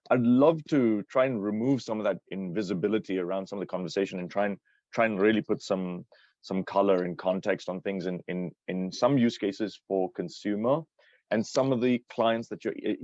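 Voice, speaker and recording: Low-voiced man co-hosting a podcast interview. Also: a little mellow, dry recording, lo-fi sound. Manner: long winding questions with many restarts. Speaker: podcast co-host. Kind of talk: interview questions.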